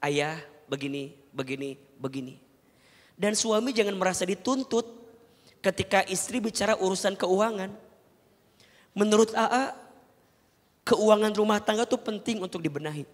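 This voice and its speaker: Delivering a televised sermon, a man gives earnest advice and holds the audience with rhetorical questions. His voice is high, his speed normal, and he pauses often, all within a long hall reverb.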